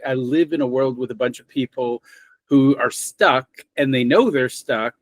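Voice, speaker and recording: A man's voice: mid-range voice, no room sound. A man hosting a podcast interview, upbeat and friendly, laughing easily between questions. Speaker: podcast host. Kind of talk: casual interview talk.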